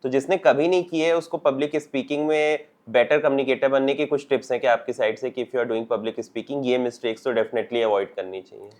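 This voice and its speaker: Podcast host asking questions. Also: male voice, medium pitch, fairly even intonation, a little fast, hardly any pauses, darkish tone. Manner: asks long mixed Hindi-English questions. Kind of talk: podcast interview. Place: studio podcast set, indoors.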